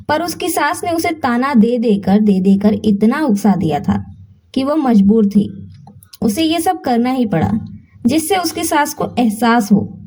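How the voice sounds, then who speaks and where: Female storyteller, high-pitched, scripted storybook narration. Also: mellow, poor audio.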